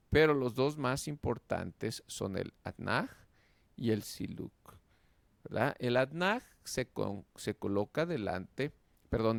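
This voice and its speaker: A man with a deep, heavily gravelly voice teaching a lesson. He explains at a very slow, deliberate pace and keeps checking in with his listeners. The sound is dry and close. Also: no room sound. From Mexico. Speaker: Hebrew teacher. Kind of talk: lecture.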